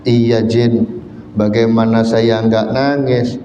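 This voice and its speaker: A man's voice: medium pitch, flat delivery, takes it slowly, mellow, a little hiss or hum, close to an everyday voice. A man voicing a poor, humble old grandfather who cuts wood, speaking in a plain, pleading way. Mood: sorrowful. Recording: echoey hall, dull lo-fi sound.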